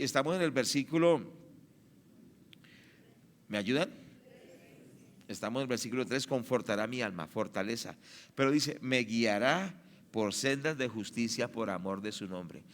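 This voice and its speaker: A male pastor preaching a sermon in a conversational way, checking in with the congregation and acting out prayers, from loud cries to soft murmurs. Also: medium pitch, normal speed, long pauses. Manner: conversational preaching, asks the congregation "¿cierto que sí?"; acts out prayers, shouting some, murmuring others. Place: church sanctuary. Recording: long church-hall reverb.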